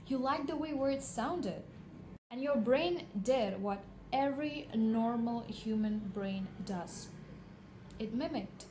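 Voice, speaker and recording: A woman vlogger speaks earnestly and conversationally to the camera in a reflective monologue, encouraging her viewers. Her voice is on the high side with a darkish tone, recorded in an echoey room with faint background noise.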